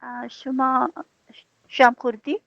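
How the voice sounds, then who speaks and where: A woman with a somewhat high voice answers softly and hesitantly, pausing to find words. The sound is lo-fi. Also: little pitch movement, gravelly, dry recording. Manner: hesitant, soft, with pauses. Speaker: student. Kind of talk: classroom practice dialogue.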